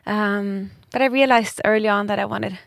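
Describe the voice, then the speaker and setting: Woman in her thirties from Scandinavia, mid pitch, dry close sound, eager interview guest. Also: fairly even intonation, normal speed, creaky, dry recording. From Denmark and Sweden. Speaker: interview guest, fashion brand founder. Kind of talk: casual conversational interview.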